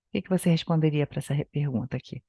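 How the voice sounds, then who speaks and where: A Brazilian woman, a native Portuguese speaker, teaching English by reading a book aloud and explaining it in Portuguese, with slow, careful pronunciation drills. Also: low-pitched, no room sound, dull audio.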